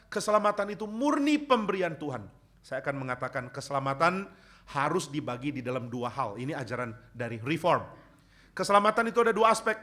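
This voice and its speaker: A male pastor with an Indonesian accent delivers a sermon in a bright, ringing voice that sits a little high for a man. He swings from loud, raised lines down to quiet, low asides. He briefly acts out the voices of the people he quotes. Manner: preaching with sudden rises and drops in loudness, acting out quoted voices.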